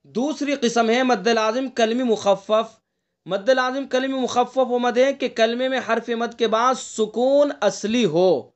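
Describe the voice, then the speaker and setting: A man teaching Quran recitation in an online tajweed lesson, patiently repeating rules, quizzing his students and drawing out recited examples slowly. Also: very high voice. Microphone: video call. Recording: muffled lo-fi online class audio.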